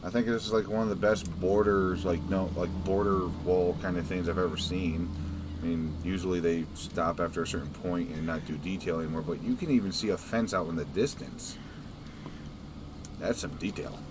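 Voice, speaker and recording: A man's voice: low voice, normal speed, noisy background. A man giving casual gameplay commentary, musing to himself in a wry way as he plays. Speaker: gamer narrating playthrough.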